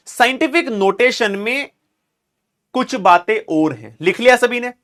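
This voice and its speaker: High-voiced man teaching chemistry. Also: fairly bright tone. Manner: calls students "beta", asks them to make noise. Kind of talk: classroom lecture.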